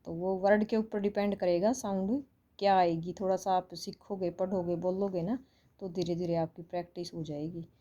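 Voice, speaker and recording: A woman's voice: on the low side, steady tone, moderate pace, mellow, lo-fi sound. A woman with an Indian accent teaching English phonics online, explaining patiently and repeating each sound.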